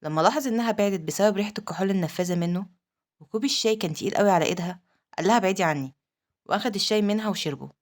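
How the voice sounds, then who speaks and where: This is a medium-pitched female narrator with an Egyptian Arabic accent recapping a manhwa. Her storytelling is brisk, and she delivers quoted dialogue without flourish.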